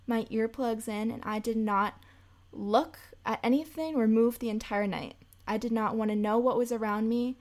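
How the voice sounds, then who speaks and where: A young woman hosting a podcast and telling a travel story in a chatty, emphatic way. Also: on the high side. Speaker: podcast host. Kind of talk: casual storytelling.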